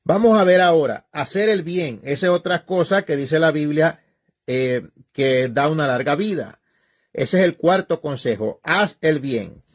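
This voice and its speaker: Male preacher, slightly high voice, informal and scolding, emphatic delivery. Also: unhurried.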